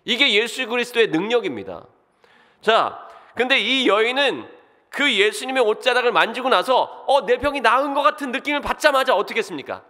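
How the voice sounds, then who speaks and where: A middle-aged man preaching a sermon as pastor, asking the congregation questions and swinging from loud exclamations to quiet asides. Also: very high voice, fairly quick. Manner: animated, rhetorical questions to the congregation. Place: church sanctuary. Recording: long reverb of a church hall.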